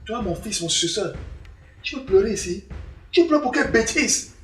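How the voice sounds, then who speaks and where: A woman from western Cameroon plays a stern, proud African father scolding his son in a comedy skit, using a mid-range voice, lively intonation, a moderate pace, and light acting. She lectures, repeats herself, and mocks, recorded in a roomy space from a distant mic with faint music behind.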